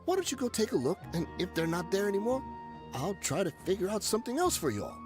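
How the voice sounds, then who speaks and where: An actor playing a nervous, evasive ex-mercenary smuggler in a video game, wheedling in slangy, pleading talk. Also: male voice, high voice, very animated, music in the background. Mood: pleading, grudging. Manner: fast-talking, pleading, slangy. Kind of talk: scripted video game dialogue.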